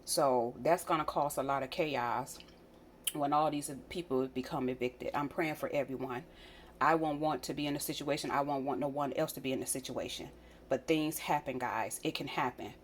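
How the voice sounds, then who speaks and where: Her voice sits low, with a touch of background noise. She's an American vlogger chatting casually and sincerely straight to the camera, saying phrases twice to drive them home.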